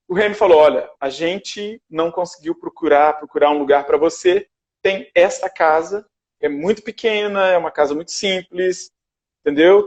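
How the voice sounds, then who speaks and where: A man telling a story in casual conversation on a video call, acting out what people said to him. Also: high voice. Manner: animated storyteller, acts out dialogue. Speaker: guest. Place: his shared house.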